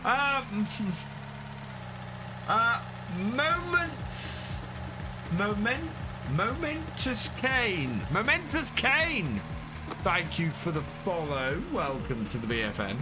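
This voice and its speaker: A streamer plays a farming game while casually chatting with his live chat, thanking followers and answering questions. His high-pitched voice is very animated but extremely slow, set against a noisy background of game music.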